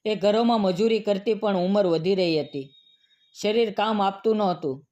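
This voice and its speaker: A man narrating a moral storybook tale in a solemn, even-paced scripted reading. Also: sits high, normal speed.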